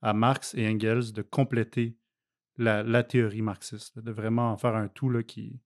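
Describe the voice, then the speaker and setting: A man's voice: lowish voice, level tone, normal speed. A man with a Québécois French accent, co-hosting a casual history podcast, speaking colloquially with frequent ums and hesitations. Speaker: podcast co-host. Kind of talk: casual political history discussion.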